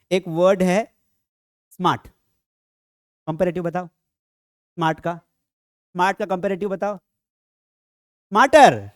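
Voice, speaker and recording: A man teaching a grammar lesson in a lively classroom style, asking rhetorical questions and dropping jokey asides. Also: high-pitched, no room sound, clean studio sound. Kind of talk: classroom lecture.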